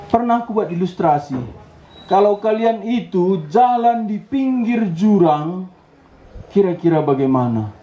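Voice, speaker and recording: Animated male preacher, high and lively. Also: slight background noise. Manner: animated storytelling, acting out little dialogues. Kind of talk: camp sermon. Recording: roomy, slightly dull hall recording.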